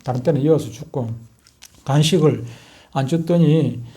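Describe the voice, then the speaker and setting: A man's voice: on the high side, normal speed. A middle-aged man, a pastor preaching a sermon and telling stories animatedly. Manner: animated storytelling, acting out scenes with loud outbursts. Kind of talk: sermon with personal storytelling.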